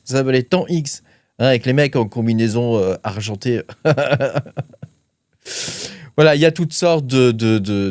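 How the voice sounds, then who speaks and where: A man's voice: medium pitch, a little mellow, no room sound. Rambling man, dry close sound. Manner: rambling, many fillers and hesitations, reading notes. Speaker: crypto channel host. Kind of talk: casual commentary to camera.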